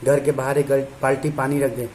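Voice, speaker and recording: A man's voice: medium pitch, level tone, a little fast, darkish tone, slight background noise, poor audio. A male teacher chatting with his students in an online class, talking casually and teasing them fondly.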